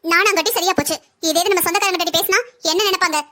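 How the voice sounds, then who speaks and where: A woman voicing a bossy, sharp-tongued older sister-in-law who taunts and scolds in a cartoon family story. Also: very high voice, fairly even intonation, very fast. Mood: scolding.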